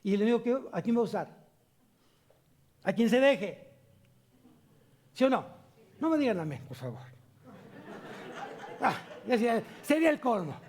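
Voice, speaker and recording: Pastor, male, high and mellow voice, emphatic sermon delivery with questions to the congregation. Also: very animated. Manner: preaching with rhetorical questions to the congregation; slow emphatic reading of scripture. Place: church service.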